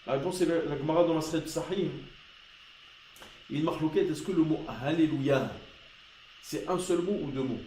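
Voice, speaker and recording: A man teaching a Torah class in a somewhat high voice, firing rhetorical questions at his students and pressing each point with force. The room sounds roomy, with a faint hiss behind him. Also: brisk, long pauses. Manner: rhetorical questions, grows loud and emphatic.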